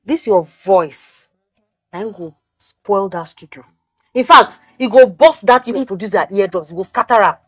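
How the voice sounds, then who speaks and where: A woman's voice: mid-range voice, animated, a little slow, slightly rough, no echo. A Nigerian woman playing an irritated young woman who brushes off gossip, with Pidgin phrases. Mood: mocking. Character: annoyed young woman, the main girlfriend. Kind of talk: Nollywood film acting.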